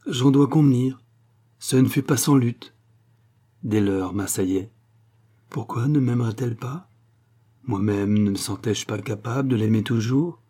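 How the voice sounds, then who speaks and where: A man reading a first-person literary short story aloud, in a measured, dramatic storytelling manner. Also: medium pitch, dark tone, husky. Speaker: narrator.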